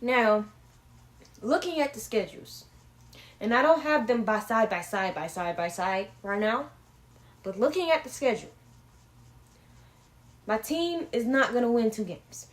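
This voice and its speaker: A woman's voice: on the high side, a little slow, long pauses. Blunt, opinionated young woman on sports. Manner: blunt, opinionated, swears often. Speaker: sports podcast host. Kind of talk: casual sports talk.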